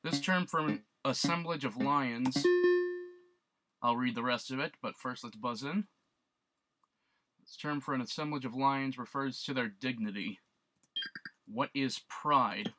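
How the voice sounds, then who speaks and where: Here the let's play gamer talks at a measured pace with a medium-pitched voice, leaving long pauses while he reads retro quiz clues and jokes about what he guesses. Beeping chiptune music plays loudly in the background.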